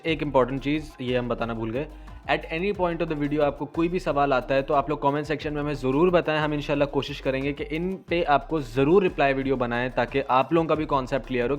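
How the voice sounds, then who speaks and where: A young man co-hosting a casual explanatory discussion, adding everyday examples and addressing viewers directly. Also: a little high. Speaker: co-host and student.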